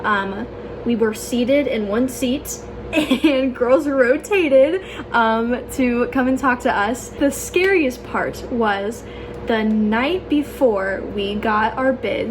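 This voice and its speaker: A young adult woman telling a personal story casually, as a vlogger, in a chatty, gushing way full of filler "like"s and exclamations. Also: on the high side. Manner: chatty, gushing, peppers talk with "like" and "oh my gosh". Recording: clear background noise.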